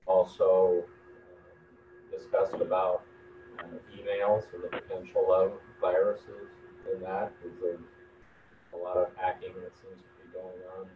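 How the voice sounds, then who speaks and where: A man in a business meeting on a video call, talking with many pauses and fillers, his audio muffled and breaking up. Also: low voice, flat delivery. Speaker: property manager reporting to a board. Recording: muffled tinny distant call line with echo and faint noise.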